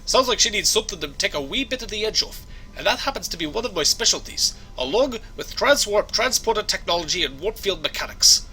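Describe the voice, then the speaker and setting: A blustery Scottish starship engineer with a rolling brogue, as a man puts him on. His voice is bright and ringing, swinging widely in pitch, hearty and whisky-fond. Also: expressive, fairly quick, soft background music, heavily acted, poor audio. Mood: jovial. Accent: put-on Scottish.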